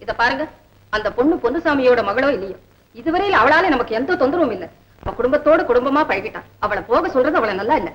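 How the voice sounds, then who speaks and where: A gentle, patient mother. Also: sits high, lively intonation, fast, muffled recording, a little hiss or hum. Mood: calming. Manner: soft and coaxing. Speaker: mother in an old film. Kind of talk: 1950s-60s film acting.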